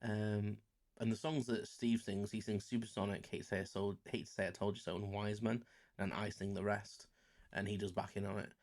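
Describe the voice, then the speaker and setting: Brisk and flat, this lowish, slightly mellow voice comes from an English podcast host near forty. Alone on the mic, he chats casually, rambles, runs himself down, and leans on plenty of fillers.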